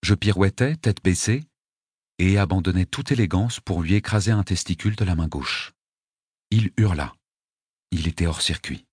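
A man reads an audiobook aloud with a low, husky voice. His pitch moves freely and vividly through the lines. The sound is dry and close. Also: darkish tone, no echo. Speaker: audiobook narrator. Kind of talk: scripted audiobook narration.

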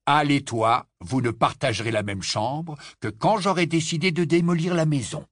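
A man voicing a calm, gentle but firm father in an audiobook reading. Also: on the high side, moderate pace, no room sound, clean studio sound, voice pushed up, natural voice. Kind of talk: audiobook character voice.

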